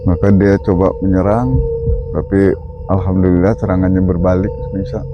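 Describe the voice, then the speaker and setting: A man presenting a night paranormal vlog in short, halting phrases addressed to viewers. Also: low-pitched, level tone. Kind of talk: night ghost-hunt vlog commentary. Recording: dull lo-fi audio, loud eerie music. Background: loud music with singing-bowl tones.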